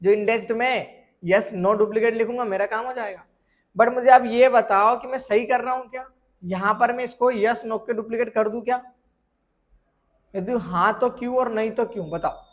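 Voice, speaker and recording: A man teaching a software course, explaining with everyday examples and often asking whether students have understood. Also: very high-pitched. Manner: keeps checking if students follow; asks rhetorical questions and answers them. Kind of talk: screen tutorial lesson.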